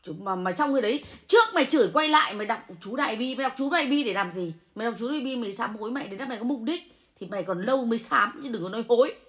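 A woman ranting angrily and scolding, swinging between low muttering and loud outbursts. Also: expressive, racing. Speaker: angry supporter ranting online. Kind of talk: angry livestream rant. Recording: muffled lo-fi audio.

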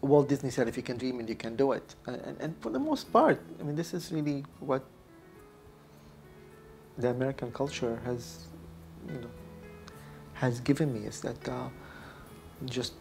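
A middle-aged man, an instructor, speaking reflectively in deliberate, halting phrases into a lapel mic. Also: mid-range voice, animated, vocal fry, a little mellow, soft background music. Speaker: vision rehabilitation instructor. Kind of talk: reflective interview talk and narration. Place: small office.

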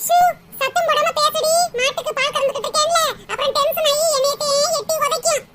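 A woman doing a snappy squeaky village woman. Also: fairly even intonation, fairly quick. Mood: scolding. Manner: snappy, scolding. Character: irritable busy older village woman milking a cow. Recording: loud background noise.

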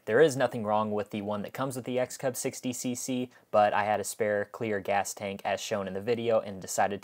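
A man giving a methodical, step-by-step instructional voice-over, often repeating himself as he explains each step. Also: on the low side. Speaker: model aircraft build instructor.

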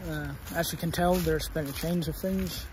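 A young man vlogs casually on a wooded trail, holding a phone camera at arm's length and talking in a rambling, hesitant way full of fillers. His voice is on the high side with fairly even intonation and a moderate pace, and background noise is present.

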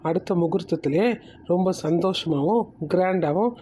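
A woman narrates a homespun puppet-show story, plain and steady, with a mellow, warm tone. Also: lowish voice, moderate pace, a little hiss or hum.

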